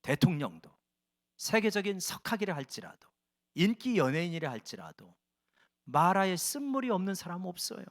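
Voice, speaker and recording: A male pastor delivers a sermon in a church, pressing the congregation with emphatic rhetorical questions. His voice sits high and swings widely in pitch. The delivery stays animated throughout. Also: moderate pace. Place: church sanctuary.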